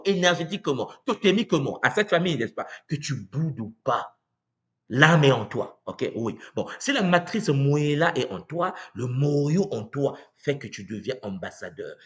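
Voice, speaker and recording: A Congolese host lectures live to viewers on a spiritual tradition at normal speed, his pitch swinging as he talks into a livestream mic. The animated delivery leans on rhetorical questions, and he acts out the voices of people he quotes.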